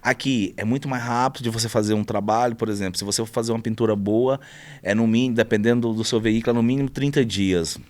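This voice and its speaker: A man's voice: medium pitch, fast. A man who runs a car wrap shop, chatting casually in an interview and telling stories about customers. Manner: storytelling, animated when telling anecdotes.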